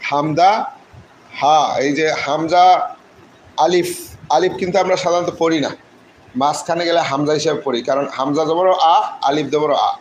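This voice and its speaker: A man teaching Quran recitation in a live online class, spelling out words slowly syllable by syllable and answering viewers by name. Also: fairly high pitch, steady tone, highs cut off, a little hiss or hum. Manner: slow syllable-by-syllable spelling drills.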